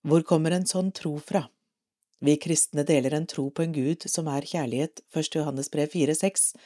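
A Norwegian woman reading a devotional article aloud for an audio edition of a parish magazine, calm and measured. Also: low-pitched.

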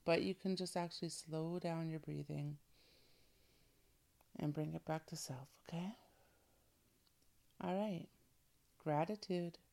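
A woman hosting guided breathing in a soothing, intimate coaching manner, her soft voice often dropping toward a breathy near-whisper. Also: low voice, fairly even intonation, takes it slowly, long pauses. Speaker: host of a wellness show. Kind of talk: guided breathing and relaxation talk.

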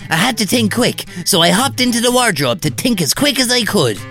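Man acting an excitable Irish informant, squawky dummy voice. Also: sits high, a little fast, soft background music, exaggerated voice. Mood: comic narrating. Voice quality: squawky ventriloquist-dummy voice when riled. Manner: rambling, colloquial, comic asides. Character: Jack Street, excitable cocky Irish informant narrating his story. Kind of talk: comic audio drama narration.

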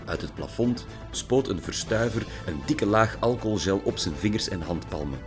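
A man's voice: on the low side, expressive, normal speed. A man narrating an audiobook with vivid, theatrical storytelling. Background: background music.

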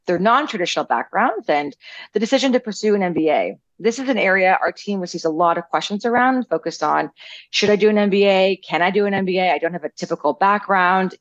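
A woman's voice: lowish voice, no echo, muffled recording. A woman from an admissions team hosting an upbeat podcast panel interview with students.

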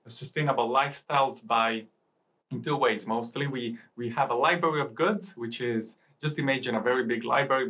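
A young man from Italy speaks as a student guest on a podcast, often pausing and restarting as he explains. His voice is bright and crisp, at a middle pitch for a man. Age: young adult. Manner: hesitant, many fillers and restarts while explaining. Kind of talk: casual interview talk.

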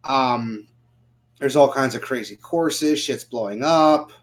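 A man chatting through game news on a podcast in an easygoing, profane way. He leans on "um" and "like" as he goes, with a middle-pitched everyday voice. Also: takes it slowly. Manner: casual, swears freely, lots of fillers. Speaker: podcast co-host. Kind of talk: casual gaming news chat.

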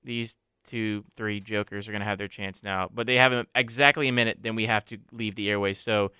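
A young man hosting a casual sports talk show at a studio mic. His voice sits a little low, very smooth and clear, with a bright, crisp tone. The sound is dry and close. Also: steady tone, fairly quick, no echo. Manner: laid-back, wraps up the show. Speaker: radio sports show host. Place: radio studio. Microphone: studio microphone.

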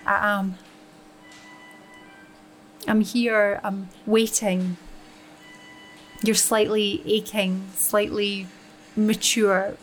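A woman with a Scottish accent playing a fed-up, middle-aged nurse who swears freely and talks in a loud, carrying voice. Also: mid-range voice, natural voice, low-quality recording. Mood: pleading. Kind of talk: audio drama monologue.

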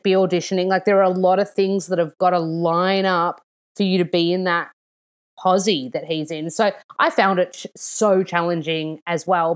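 A young woman talks on a podcast, sitting slightly low in pitch for a woman. She tells stories with animated enthusiasm and a casual, rushing energy. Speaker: actor and podcast guest. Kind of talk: casual chat.

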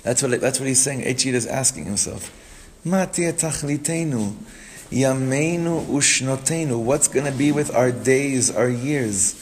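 A man teaching a study class, reading Hebrew lines quickly and then translating them and asking his students questions. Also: medium pitch. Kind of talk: animated text study with students. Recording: reverberant room with faint background noise.

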